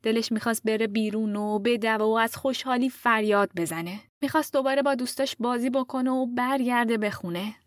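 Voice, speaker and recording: A woman narrating a true story in a calm, measured storytelling voice. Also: a little high, dry recording, studio quality. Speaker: podcast narrator.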